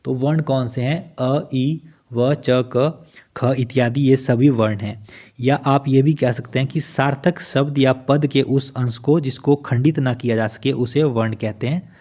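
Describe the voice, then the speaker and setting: A man's voice: medium pitch, fairly even intonation, unhurried, dark tone. A man teaching an online exam-prep lesson, explaining step by step and repeating each definition after asking and answering his own questions. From Himachal Pradesh, India.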